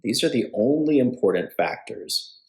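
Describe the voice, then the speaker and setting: A man with a mid-range voice serves as instructor for a guided yoga nidra meditation, delivering phrases calmly and deliberately with pauses between them.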